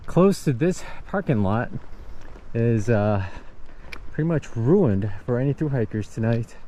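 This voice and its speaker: A fifty-year-old long-distance hiker, worn out, narrates a casual vlog on a forest trail into his camera and laughs frequently. He has a medium-pitched voice, and a little hiss or hum runs under the recording.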